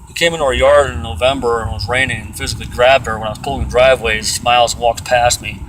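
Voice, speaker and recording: A man's voice: fairly even intonation, fast talker. A man on an angry, exasperated swearing tirade, venting explosively in a casual personal rant. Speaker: aggrieved pet owner venting. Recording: distant mic, loud fan and outdoor rumble. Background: air vent fan, vehicle-like ambience.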